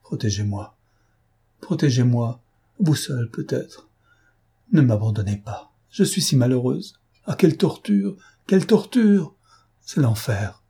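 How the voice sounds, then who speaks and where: A man's voice: mid-range voice, fairly even intonation, a little slow, dark tone, breathy edge. A man voicing a distraught, tearful young noblewoman in an audiobook, speaking in an anguished, pleading way.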